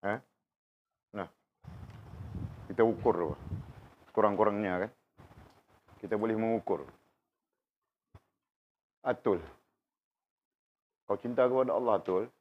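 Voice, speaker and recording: A man teaching an informal religious class, quizzing students by name and tagging his points with quick questions, sounding unwell. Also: fairly low pitch, a little hiss or hum. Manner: conversational, questions students by name, frequent tag questions. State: unwell, in pain while talking. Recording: dull lo-fi recording.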